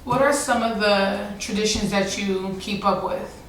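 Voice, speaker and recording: A woman hosting an interview, asking relaxed, slangy questions. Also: mid-range voice, measured pace, distant mic, a little hiss or hum. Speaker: interview host. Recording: echoey room, off-mic.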